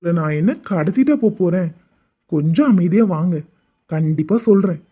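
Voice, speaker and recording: A man voicing a calm older brother and groom who teases dryly. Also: high-pitched, normal speed, husky. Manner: calm, dry teasing. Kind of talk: Tamil cartoon voice acting. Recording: tinny phone-like lo-fi audio.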